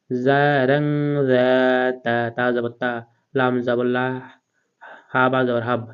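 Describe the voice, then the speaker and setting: A man teaching Quran reading, spelling each letter and vowel one by one, then slowly drawing out the recited words. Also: mid-range voice, clear, resonant tone, muffled recording.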